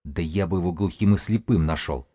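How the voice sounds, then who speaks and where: A man's voice: sits low, a little fast. A man doing a sly rat-like thug. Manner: hushed, sly, hissing. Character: sly, rat-like male gang member.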